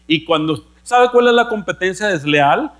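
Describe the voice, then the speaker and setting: Northern mexican guy preaching, high voice, jokey stories, bit of hum. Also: lively intonation, moderate pace, a bit bright. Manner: storytelling preacher, jokey, addresses listeners as brother. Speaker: pastor. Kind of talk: sermon.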